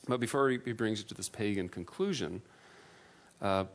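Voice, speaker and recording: A man giving a personal testimony to an audience, earnest and self-deprecating, with halting restarts. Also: fairly low pitch. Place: room with an audience.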